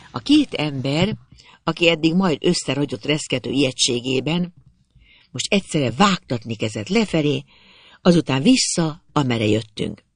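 A male narrator reads a literary story aloud in a measured, expressive way, his fairly high voice carrying a gravelly texture. The recording is dry and close, with almost no room sound. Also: dry recording.

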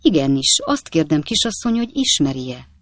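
A man voicing a jealous, blustering gentleman suitor in an audiobook, loud and demanding. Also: fairly high pitch, big pitch swings, no room sound, studio quality. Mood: indignant. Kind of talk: audiobook character voice.

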